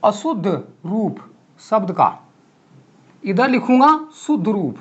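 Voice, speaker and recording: A man with an unusually high, lively voice teaches a classroom lesson for exam students. He writes on a board as he talks and repeats key words slowly and clearly. His pitch swings widely between words. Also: lo-fi sound.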